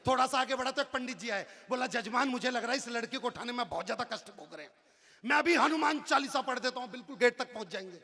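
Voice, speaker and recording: A man performing comic storytelling as a poet on stage, acting out characters and shouting punchlines. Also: very high-pitched, expressive, quick pace, vocal fry. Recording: long hall reverb from a live stage PA.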